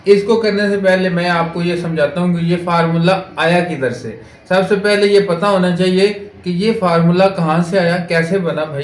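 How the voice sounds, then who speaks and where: Patient man teaching math, echoey room. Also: high-pitched. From Pakistan. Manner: patient, step-by-step, asks rhetorical questions. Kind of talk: board lecture solving exercises. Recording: echoey room with faint noise.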